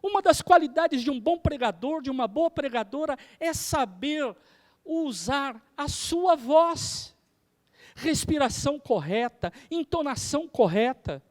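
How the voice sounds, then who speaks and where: A man, a theology professor lecturing on preaching, shifting his pace and loudness for emphasis. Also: very high voice, expressive, a little slow. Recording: hall reverb.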